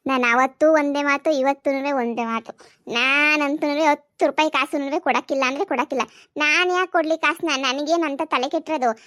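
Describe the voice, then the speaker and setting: A woman's voice: high-pitched, steady tone, fairly bright tone, no room sound, studio quality. A woman voicing a stubborn, election-obsessed mother in a cartoon comedy, scolding and grumbling. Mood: defiant. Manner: scolding, grumbling, fast and defiant.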